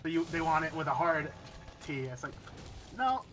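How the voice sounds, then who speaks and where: A man's voice: a little high, soft background music. A man streaming a game and chatting casually, joking around and correcting himself as he goes. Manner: joking, animated, quick self-corrections. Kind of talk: casual chat while gaming.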